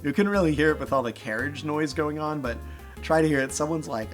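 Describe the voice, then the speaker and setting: Young guy doing a sarcastic reaction vid, kinda high voice, keeps laughing. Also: fast talker, over loud music. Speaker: video host. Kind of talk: reaction commentary.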